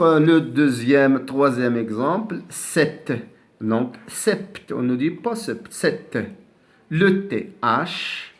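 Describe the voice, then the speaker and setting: A man teaching a lesson, saying words slowly, repeating them and spelling out letters, with frequent hesitations and restarts. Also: mid-range voice. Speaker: French teacher. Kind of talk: classroom lesson on silent letters.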